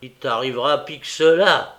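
A man reading an audiobook, voicing a sly old male fence who coaxes and stammers to calm others. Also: fairly high pitch, slow pace, gravelly, full character voice. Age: older. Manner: stammering, coaxing, placating. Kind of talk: audiobook character voice.

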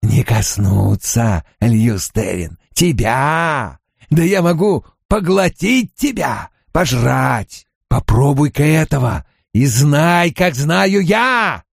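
A man playing a cruel dark lord in an audiobook, commanding and menacing, drawing out his words to tempt his prey. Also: mid-range voice, sing-song, takes it slowly, vocal fry, breathy edge, dry recording, studio quality, exaggerated voice. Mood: threatening. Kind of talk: dramatic audiobook character voice.

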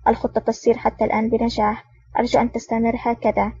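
A woman reading the lines of a calm, mocking male secret agent in an audiobook. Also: a little high, fast talker, breathy edge. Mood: sardonic. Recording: dull lo-fi audio.

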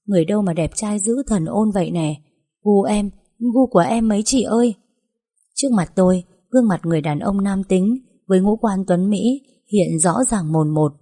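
A woman's voice: lowish voice, mellow, breathy edge. A young woman narrating a first-person story in a chatty, emotional way with playful asides.

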